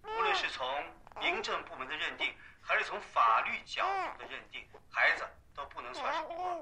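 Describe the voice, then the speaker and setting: An actor playing a cautious male lawyer in a TV drama, explaining a weak case in a measured way. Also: extremely high pitch, wildly swooping pitch, creaky, pushed and bright, slight background noise, exaggerated voice. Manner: measured, reasoning, soothing. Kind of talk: TV drama acting.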